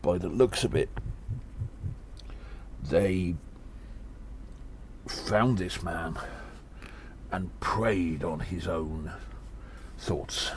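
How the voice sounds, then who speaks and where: In an audio drama, a man voices a weary gnome investigator reporting on a spy conspiracy, his voice very deep and his delivery slow, grave, and pondering. He speaks in deliberate, halting phrases broken by sighing breaths. The audio is poor, with faint background noise.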